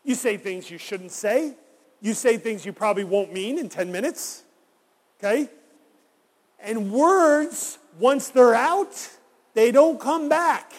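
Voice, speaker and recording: A man's voice: extremely high pitch, expressive, slow, in a large hall. A man preaching a sermon as a pastor, talking conversationally and putting rhetorical questions to his congregation.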